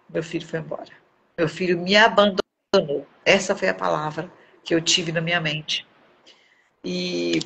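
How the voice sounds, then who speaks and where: A middle-aged woman tells a personal testimony in an earnest, emotional way, often repeating herself as she speaks. Her voice has a gravelly, creaky edge. She sounds like a guest on a live video stream, heard through a phone or webcam mic. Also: fairly low pitch, a bit bright, slight background noise, low-quality recording.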